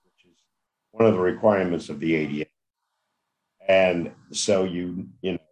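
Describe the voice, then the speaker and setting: Man's low voice cutting in and out. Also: darkish tone, poor audio. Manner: earnest, halting with frequent restarts. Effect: voice cutting in and out on a bad connection. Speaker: advocate for blind pedestrians. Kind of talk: remarks in a remote meeting. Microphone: computer microphone on a call.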